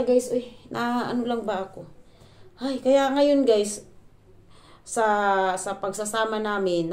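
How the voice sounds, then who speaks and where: A woman's voice: fairly low pitch, darkish tone. A woman from the Philippines, vlogging at home, venting to her viewers in a rambling way, full of fillers and restarts and dropping in English words. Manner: exasperated venting. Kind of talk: casual chat to viewers.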